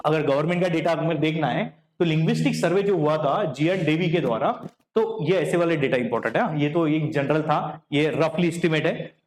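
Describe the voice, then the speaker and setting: High-voiced man teaching. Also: darkish tone, echoey room, a little hiss or hum. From Vidarbha, Maharashtra. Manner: checks in with the class often, asking "correct?" and "clear?". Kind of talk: classroom lecture in Hindi mixed with English. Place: classroom.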